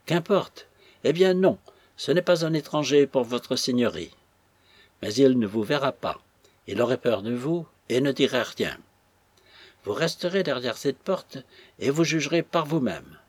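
A man voicing a scheming old woman who fawns and wheedles, in a shrill, husky voice. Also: lively intonation, measured pace, no room sound. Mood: sly, coaxing. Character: scheming cackling old woman, fawning and sly.

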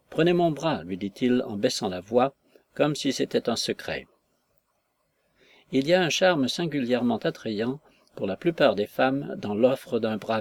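A man reading a classic novel aloud as an audiobook narrator, in a measured, even manner. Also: medium pitch, no echo.

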